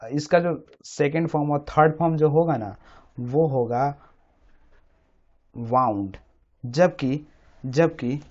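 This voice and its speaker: A man's voice: mid-range voice, a little mellow. Man teaching English grammar, repeating words. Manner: repeats key words often, asks the listener "samajh rahe hain na?". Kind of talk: explaining a grammar lesson. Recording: dull lo-fi recording.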